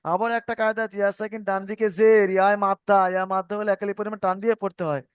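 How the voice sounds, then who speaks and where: Patient, high-voiced male Quran teacher. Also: flat delivery, racing, smooth, dry recording, clean studio sound. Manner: patient, repeats sounds and asks if understood. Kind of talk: online tajweed lesson.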